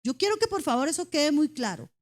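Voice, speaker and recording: A woman's voice: high-pitched, very animated, a little fast. A woman preaching a sermon in church, emphatic and direct, often calling out to her listeners as brothers and sisters. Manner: emphatic, repeatedly addresses the congregation as brothers; speaks as a mother, mentions her daughters.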